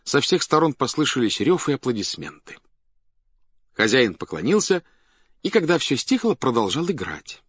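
A man narrating a classic story aloud in an expressive, theatrical reading style. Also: mid-range voice, normal speed, husky, dry recording. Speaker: audiobook narrator. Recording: dull dry studio recording.

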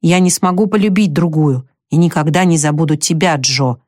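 A woman's voice: deep voice, moderate pace, a little mellow, no echo. Hot-headed young man in love, earnest and choked, voiced by a woman, dry sound. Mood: lovesick.

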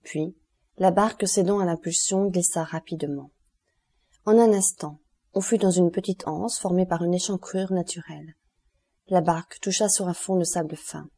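Low-voiced woman reading a novel. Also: fairly even intonation, moderate pace, warm tone, husky. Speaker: audiobook narrator. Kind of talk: scripted literary narration.

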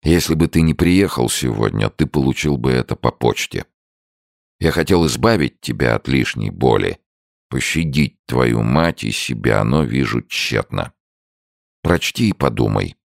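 A man's voice: a bass voice, expressive, measured pace, creaky, no echo, studio quality, full character voice. A man playing a weary old father. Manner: tired, solemn.

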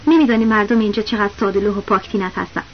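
A woman's voice: mid-range voice, fairly even intonation, pitched below the performer's own voice, lightly acted. A woman reading the lines of a male village school principal, a chatty know-it-all who keeps cutting in with insistent, knowing remarks. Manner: knowing, insistent, talks over others. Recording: dull lo-fi audiobook recording with faint hiss.

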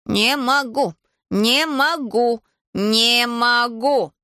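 A woman's voice: on the high side, animated, fairly quick, vocal fry, dry recording, clean studio sound, voice pushed up. A woman voicing a lazy, cunning schoolboy who whines, wheedles and fakes weakness in an audiobook. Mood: stubborn. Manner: whiny, wheedling, feigns weakness. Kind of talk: audiobook character voice.

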